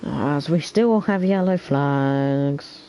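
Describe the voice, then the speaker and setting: A man giving casual lead commentary on an online racing league, sometimes halting as he thinks aloud between calls. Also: a little high, mellow. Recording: faint background noise.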